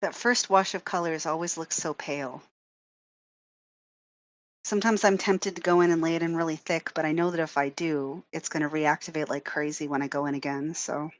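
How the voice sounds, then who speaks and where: A woman's voice: deep voice, fairly even intonation, moderate pace, no echo. A woman co-hosting a live drawing stream, chatting casually and acting out the lines of stories she tells. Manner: chatty storyteller who acts out quoted lines. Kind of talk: casual chat.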